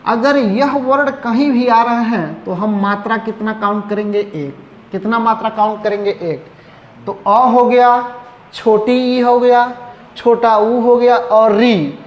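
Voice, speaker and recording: A male teacher giving a classroom lecture, asking questions and answering them himself, and repeating definitions slowly as he writes. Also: high-pitched, highs cut off. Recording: echoey room with faint noise.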